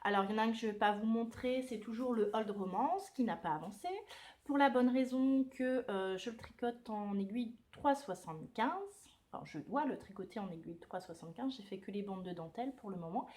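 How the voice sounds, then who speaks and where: A woman's voice: fairly high pitch, brisk, a little mellow. A woman hosting a knitting video podcast, talking casually with many hesitations and self-corrections.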